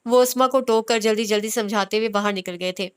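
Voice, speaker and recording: A woman narrating a romantic novel in a steady storytelling manner. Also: mid-range voice, clear, resonant tone. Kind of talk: audiobook narration.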